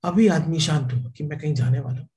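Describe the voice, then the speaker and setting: A man's voice: fairly high pitch, a little mellow, poor audio. Man with a slightly raised voice, telling a parable. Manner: storytelling, shifts between brisk and slow, mixes in English words. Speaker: spiritual teacher. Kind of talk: scriptural discourse with storytelling.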